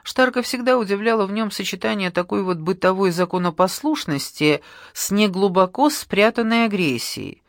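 An audiobook narrator reading a novel in a calm, measured way. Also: mid-range voice, no room sound, clean studio sound. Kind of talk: scripted narration.

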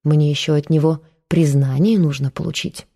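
A woman voicing a calm, steely man who speaks quietly and measuredly, in an audiobook. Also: deep voice, normal speed, gravelly, husky, full character voice. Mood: cool.

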